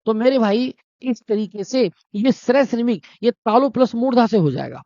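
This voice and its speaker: A man's voice: extremely high pitch, animated, moderate pace, dark tone, no room sound. A man teaching a Hindi exam-prep lesson, explaining step by step, asking his own questions and answering them, and calling his students brother and friends. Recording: dry, dull lo-fi sound.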